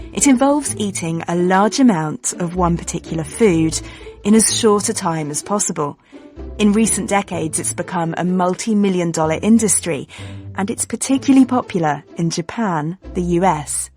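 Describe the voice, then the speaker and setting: Female feature-radio host, low-ish voice, wry scripted narration. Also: darkish tone. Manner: wry, lightly playful script reading.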